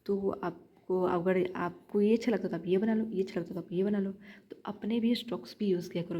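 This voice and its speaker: Young woman vlogging study tips, mellow voice, keeps repeating stuff to drive it home. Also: medium pitch, a little hiss or hum. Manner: chatty, repeats points, coaching tone. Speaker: shorthand learner vlogger. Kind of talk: casual teaching vlog.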